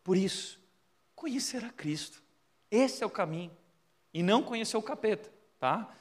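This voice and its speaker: High-voiced animated pastor. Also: male voice, fairly quick, long reverb tail. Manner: animated storyteller, acts out quotes, shifts between loud and hushed. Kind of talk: sermon with storytelling.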